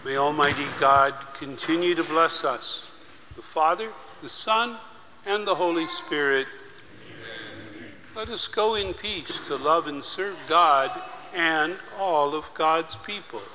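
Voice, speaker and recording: A man leading a church blessing and dismissal in a solemn, measured way, his voice ringing with cathedral echo. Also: on the high side, pushed and bright. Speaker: presider. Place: church sanctuary. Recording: long church reverb, faint ambience.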